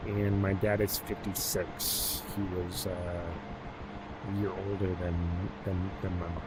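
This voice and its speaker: A man in his thirties from Alaska, chatting in a relaxed, rambling way with many fillers while streaming a game. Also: low-pitched, a little slow, over loud music, rough recording. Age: 30s. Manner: rambling, laid-back, many fillers and restarts. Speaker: gaming streamer. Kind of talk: casual live-stream chat while playing.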